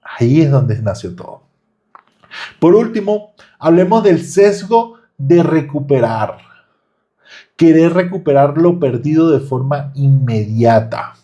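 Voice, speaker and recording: A man teaches a live online class in a lively way, often breaking off to question his students. His voice sits somewhat high and sounds warm and mellow. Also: slow. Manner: animated, rhetorical questions to students. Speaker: trading instructor.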